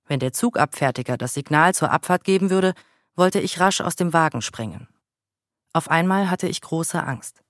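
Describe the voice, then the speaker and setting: A man reading a first-person memoir aloud in a calm, measured way. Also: on the high side, no echo, clean studio sound.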